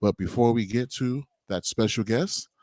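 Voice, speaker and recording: Hyped-up New radio host. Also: male voice, mid-range voice, moderate pace, darkish tone, no room sound, studio quality. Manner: enthusiastic, hyped-up. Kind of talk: casual radio interview.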